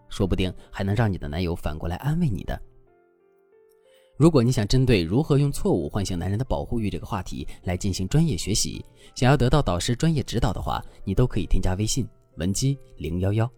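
Male narrator, low voice, lively intonation, instructive scripted advice, soft music behind. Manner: instructive, expressive.

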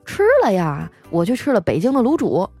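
A woman voicing a smug, sharp-tongued male coworker who sneers and boasts. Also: sits high, sing-song, fairly quick, soft background music, heavily acted. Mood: boastful.

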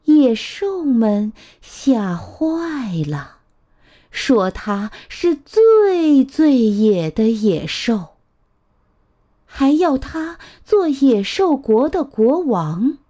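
A woman storyteller reading a picture book aloud to children, gentle and expressive. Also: sits high. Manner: gentle, expressive, drawn-out phrasing.

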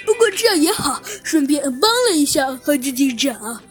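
A woman's voice: sits high, big pitch swings, normal speed, soft background music. Woman doing a sheepish, fumbling little chick. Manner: hesitant, apologetic. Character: plump clumsy chick, sheepish and hesitant.

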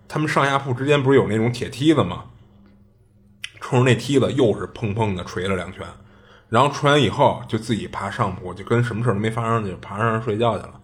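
Low-voiced man telling a ghost story. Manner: chatty, colloquial, with many filler restarts. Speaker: podcast host.

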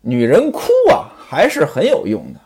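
A male storyteller with a lively, swinging delivery and a fairly high voice. He tells a traditional story with chatty asides to the listener. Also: normal speed, husky.

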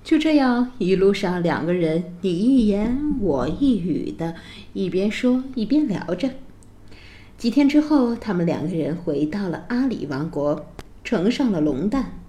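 A woman storyteller reading a children's story aloud in a gentle, expressive way. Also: mid-range voice, measured pace. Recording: roomy echo.

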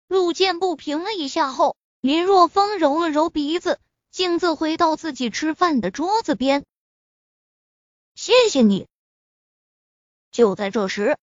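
A woman narrating a web novel aloud with expressive storytelling, with a slightly muffled lo-fi sound. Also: sits high, no room sound. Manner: expressive storytelling, acts out the characters.

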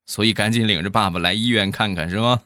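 A man hosting a comedy podcast, telling funny family anecdotes in a chatty, teasing way with drawn-out filler sounds. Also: on the low side, heavy background noise. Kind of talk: comic anecdote storytelling.

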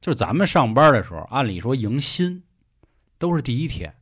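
Man, casual storytelling chat, joking and colloquial, animated pitch, mid-height voice. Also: fairly quick, slightly rough. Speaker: podcast co-host.

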